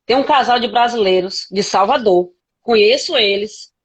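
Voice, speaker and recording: A woman from Brazil, a podcast guest telling her life story frankly in a halting way, with many restarts. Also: medium pitch, breathy edge. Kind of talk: candid conversational interview.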